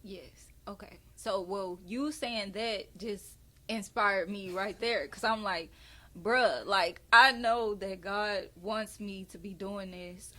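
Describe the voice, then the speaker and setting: A woman's voice: mid-range voice, slow, pushed and bright. A woman hosting a podcast, chatting casually and telling her own story expressively. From Houston area. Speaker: podcast host. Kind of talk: casual interview chat.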